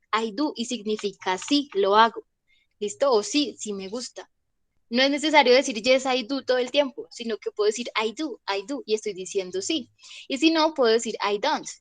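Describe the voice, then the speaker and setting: A woman's voice: on the high side, no echo. A woman teaching an English grammar class in Spanish, explaining patiently and checking in with her students after almost every point. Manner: patient, checks in often with short questions.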